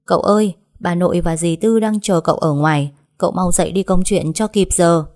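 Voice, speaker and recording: A woman's voice: on the low side, brisk, a little mellow, natural voice. A woman voicing an obedient young housemaid who calls out and reports dutifully. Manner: calling out, dutiful.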